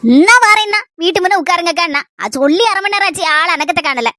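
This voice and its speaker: A woman voicing a scheming, fretful middle-aged village mother in a cartoon, with a Kanyakumari Tamil accent and a rapid, gossipy complaining manner. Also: very high voice, lively intonation, sharp tone, no room sound, clean studio sound, heavily acted.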